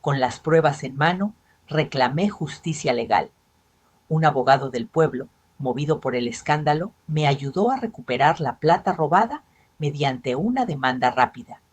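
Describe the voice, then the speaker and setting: A woman telling a dramatic first-person story in a steady, even narrating voice. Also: low voice, moderate pace, slightly rough, dry recording.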